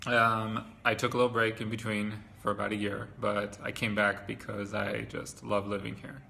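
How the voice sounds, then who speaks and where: A man's voice: lowish voice, little pitch movement, moderate pace, creaky, bright, forceful tone. A man from the USA, speaking about his life abroad in an upbeat way, with frequent "um". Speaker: expat interviewee. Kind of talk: casual talk to camera.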